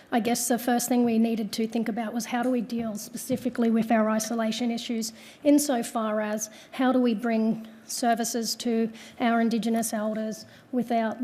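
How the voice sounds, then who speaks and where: Hoarse, soft-toned woman giving a presentation. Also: a little high. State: hoarse from flu. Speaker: lawyer presenting. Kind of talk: prepared presentation.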